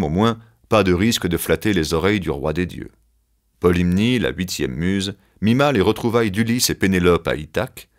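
A man narrating a children's storybook cassette with expressive storytelling. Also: low-pitched.

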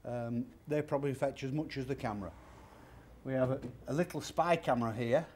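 Fairly quick and darkish in tone, this mid-range male voice comes with slight background noise. The speaker, in his fifties, owns a secondhand shop and chats plainly in an interview inside a large indoor furniture warehouse, explaining old items' prices one step at a time.

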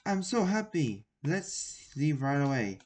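A man's voice: on the high side, big pitch swings, slow, darkish tone, exaggerated voice. A man reading out the lines of a sweet, clingy young mermaid, in his own voice with small stumbles. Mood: happy. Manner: lightly voiced read-aloud dialogue with stumbles.

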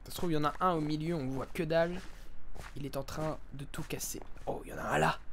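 A young man commentating a live game stream, joking and bursting into yells. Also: fairly high pitch, quick pace, vocal fry, a little hiss or hum. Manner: jokey, excitable, yells in sudden bursts. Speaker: gaming streamer.

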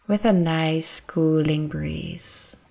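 A woman's low, vocal-fried voice guides a meditation at a very slow, soothing pace. Long pauses separate her phrases, and she never hurries, keeping her intonation gentle and flat.

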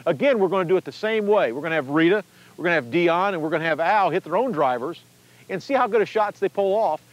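Lively high-voiced golf pro. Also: male voice. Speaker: show host and golf teaching pro. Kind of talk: presenting a golf instruction infomercial. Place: outdoors on a golf course.

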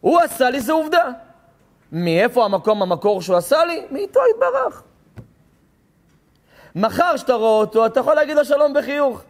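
A rabbi delivering a sermon, telling stories with passion, acting out dialogue and rising to shouts at times. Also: male voice, very high-pitched, lively intonation.

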